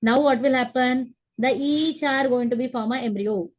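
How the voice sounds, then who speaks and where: A young woman with a fairly high voice gives an online biology lecture from a room at home, speaking into a laptop webcam on a video call. She explains each step slowly, repeats key terms, and keeps asking students to confirm they understand.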